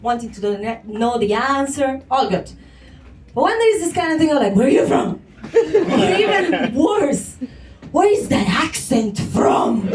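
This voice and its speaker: Stand-up comedian, high voice, playful, mocking, laughing, handheld mic, echoey club, far from camera. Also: female voice, background noise. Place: small comedy venue with live audience. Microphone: handheld microphone.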